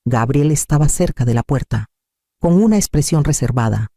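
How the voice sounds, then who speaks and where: A man reading a scripted first-person family drama in a calm, measured storytelling manner. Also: mid-range voice, dry recording, studio quality. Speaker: narrator.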